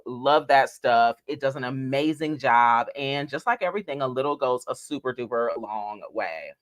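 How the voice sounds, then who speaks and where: Guy co-hosting bingo as the caller, bright punchy voice, chatty, really dry sound. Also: medium pitch, no echo. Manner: bingo caller drawing out the numbers. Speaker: co-host of an online bingo night. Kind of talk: casual chatty product talk.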